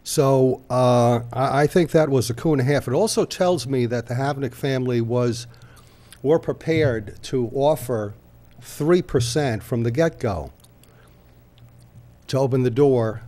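At a council chamber podium microphone, an older man with a dark, mellow, medium-pitched voice gives a public comment at city council. His delivery is conversational and halting, pausing often on filler sounds as he works through his points.

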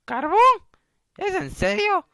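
A man's voice: extremely high pitch, lively intonation, slow, vocal fry, a bit bright, no echo, clean studio sound, pitched above the performer's own voice, exaggerated voice. A man voicing a rude, impatient young woman in a comedic game skit, snapping insults. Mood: scornful.

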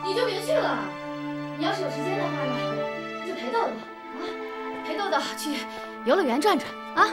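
An actress playing a brisk, energetic young wife heading out on business. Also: female voice, very high voice, loud music behind the voice. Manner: brisk, bright, quick.

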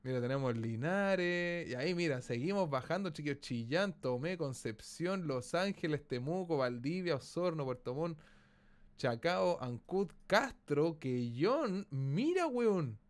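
A man with a Chilean accent giving live gameplay commentary as a streamer, excitable, exclaiming and swearing casually. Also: fairly high pitch, measured pace.

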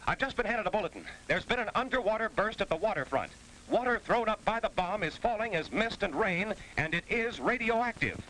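Grave, animated civil defense radio announcer. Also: male voice, high-pitched, a little fast, low-quality recording. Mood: grave, urgent. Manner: grave, formal bulletin delivery. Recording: old 1950s film soundtrack, faint noise.

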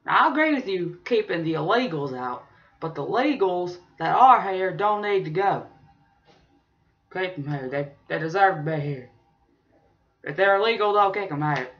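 A man's voice: high voice, expressive, normal speed, a bit bright. A young man playing a rambling, opinionated redneck vlogger with a rural drawl. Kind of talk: casual vlog rambling in character. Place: small bedroom, indoors. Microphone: webcam or laptop mic at arm's length. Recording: dull lo-fi webcam sound.

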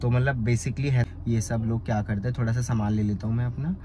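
A young man from Uttar Pradesh in India chats through a casual vlog. He rambles along in a middle-pitched voice, with sudden excited rises in his talk. The phone recording carries clear background noise. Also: a little fast. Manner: chatty, rambling, with lively rises. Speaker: vlogger. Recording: noisy outdoor phone recording.

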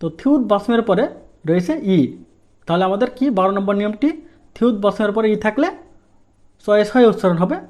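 A man's voice: high-pitched, quick pace, long pauses, darkish tone. A man teaching a language lesson, explaining each rule step by step and asking rhetorical questions before answering them. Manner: patient, asks rhetorical questions, repeats rules.

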